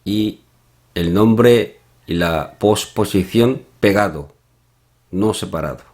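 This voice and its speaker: A man teaching a Korean lesson from slides, explaining slowly with pauses and soft hums. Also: lowish voice. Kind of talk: slide-based language lesson.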